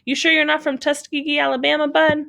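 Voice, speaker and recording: A woman's voice: high-pitched, level tone, quick pace, vocal fry, a bit bright, voice pushed up. Storybook teasing grandfather, read by a woman, playful and joshing. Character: teasing older man, joking grandfather. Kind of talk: audiobook reading.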